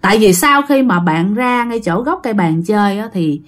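A woman's voice: mid-range voice, animated, moderate pace. A woman tells a ghost story in a chatty style, addressing her listeners directly. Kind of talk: casual ghost story narration.

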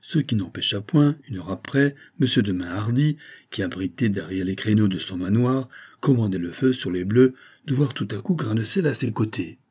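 A man reading a classic adventure novel aloud in a measured storytelling manner. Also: lowish voice, expressive, a little mellow, slightly rough. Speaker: audiobook narrator. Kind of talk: scripted narration.

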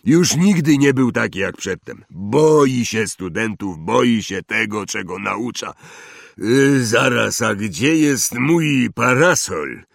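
A man voicing a huge, jovial half-giant gamekeeper with a loud, hearty voice. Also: medium pitch, lively intonation, takes it slowly, gravelly, no echo, clean studio sound, pitched above the performer's own voice, exaggerated voice.

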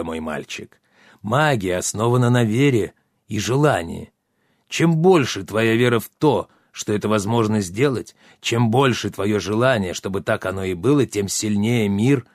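A man's voice: lowish voice, expressive, a little slow, no echo, studio quality. Man voicing a grumpy old wizard mentor. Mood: lecturing. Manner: irritable, scolding, theatrical outbursts.

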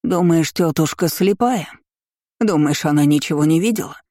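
A reader voicing a meddling old woman ghost in an audiobook, scolding in slow, drawn-out, shrill words. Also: mellow, dry recording, clean studio sound, natural voice. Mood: accusing. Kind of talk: audiobook role reading.

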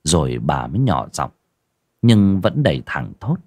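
A man's voice: extremely low pitch, sing-song, a little slow, a little mellow, slightly rough, dry recording, studio quality. A man narrating an audio horror story in a dramatic, lurid storytelling manner.

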